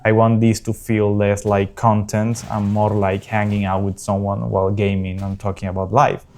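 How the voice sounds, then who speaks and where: Hosting his gaming channel, this native Spanish speaker from South America, in his early thirties, talks casually and earnestly over gameplay, pausing often. His South American Spanish accent colors a lowish, monotone, slightly mellow voice.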